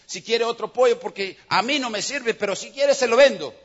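Fawning, greedy male beggar acted by a man, high and husky, loud flattery that sours into petty grumbling. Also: brisk, dull audio. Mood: bargaining. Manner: loud pleading praise, then petty grumbling.

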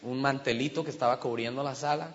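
A man's voice: medium pitch, steady tone, fast. A man from Colombia, preaching a sermon as humorous storytelling and asking the congregation questions. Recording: dull sound with long hall reverb.

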